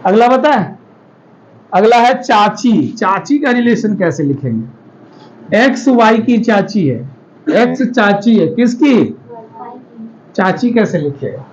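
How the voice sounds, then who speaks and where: High-voiced man teaching a class. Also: big pitch swings, slow, pauses often, highs cut off. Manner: explains step by step, checks students often. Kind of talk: classroom lecture. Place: classroom with students.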